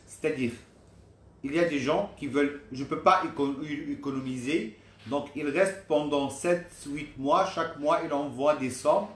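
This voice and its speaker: A man explaining things to live viewers as an agent, courteous and formal, often repeating words as he searches for them. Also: a little high. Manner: courteous, formal, hesitant repetitions. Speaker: medical travel agent. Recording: echoey room.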